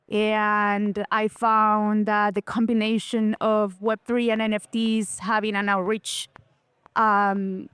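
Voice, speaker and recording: A woman's voice: mid-range voice, smooth, no room sound. A woman in her thirties from Colombia, an artist guest talking enthusiastically in a casual interview.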